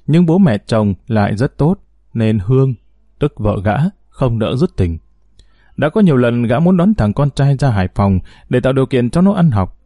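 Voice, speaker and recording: Brief: male storyteller for a drama audio book, warm low timbre, dead-dry studio sound. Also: no room sound. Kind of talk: scripted narration.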